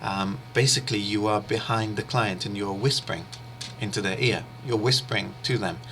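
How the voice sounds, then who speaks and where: A faint hiss or hum sits under this online interpreting lesson, led by a native English-speaking instructor whose low voice still comes across bright and forward. He explains steadily and patiently, with frequent pauses and little ums and uhs.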